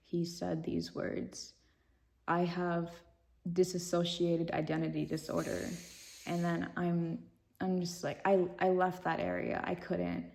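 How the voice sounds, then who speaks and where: A young woman tells a personal story to her vlog audience at an unhurried pace. Her voice is dark and mellow with a gravelly fry running through it. She rambles casually with fillers and lets out nervous giggles. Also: fairly low pitch. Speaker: vlogger.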